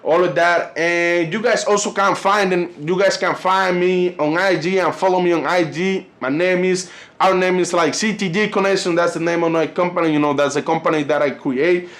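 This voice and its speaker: At a moderate pace, a young Colombian YouTuber in his twenties chats through casual vlog commentary in a higher, slightly bright voice that stays steady in tone. Spanish is his first language and he has a Colombian Spanish accent. Rambling and full of filler, he keeps saying "you know" and "fellas."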